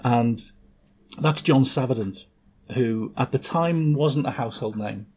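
A man's voice: mid-range voice, a little slow, a little mellow. A man, a podcast guest, telling stories in casual chat and laughing easily. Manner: chatty storyteller, laughs easily.

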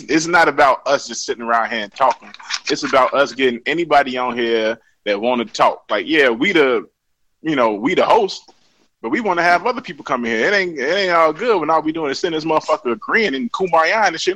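A man's voice: on the high side, animated, a little fast, a bit bright, no room sound, poor audio. A man hosting a casual sports podcast, joking and swearing with a guest. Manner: profane, laughing, joking banter. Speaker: podcast host.

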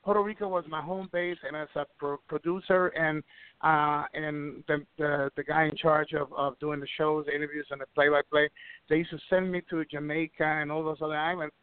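Man from Ecuador, middle-aged, fairly high voice, rambling storyteller, tinny phone line. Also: flat delivery, brisk, smooth, no room sound. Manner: rambling, repeats words, many restarts. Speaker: wrestling promoter and guest. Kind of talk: casual radio interview storytelling.

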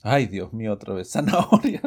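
Lively husky teacher explaining phrases. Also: male voice, lowish voice. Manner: lively, self-correcting, reads examples slowly. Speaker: English teacher. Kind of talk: Spanish-language English lesson podcast. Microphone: studio microphone, audio only.

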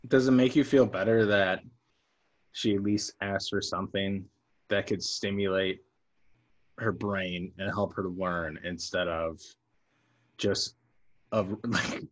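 A man's voice: deep voice, steady tone, slow pace, pauses often. A man co-hosting a casual wrestling podcast, rambling with restarts while he has the hiccups. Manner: rambling, self-interrupting. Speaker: podcast co-host.

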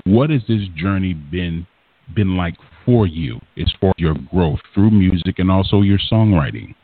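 A very deep, husky-voiced man asks long, earnest questions as an interview host. His voice comes over a dry, tinny, phone-like line. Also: expressive, moderate pace, no echo.

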